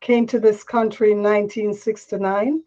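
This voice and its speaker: A woman's voice: medium pitch, little pitch movement, normal speed, warm tone. Firm older Jamaican-born woman, dull audio. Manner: firm, self-assured. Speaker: mayor and candidate. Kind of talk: panel interview answers. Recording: dull lo-fi sound.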